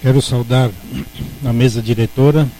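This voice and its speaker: A man's voice: mid-range voice, steady tone, moderate pace, mellow, slight background noise, rough recording. A man with a Brazilian accent, a city councillor giving a formal speech in a council session, repeating words as he searches for them. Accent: Brazilian Portuguese. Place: municipal council chamber.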